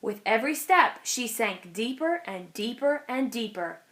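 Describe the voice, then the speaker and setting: With a fairly high voice, a woman tells a children's picture book story expressively, moving at a slightly slow pace.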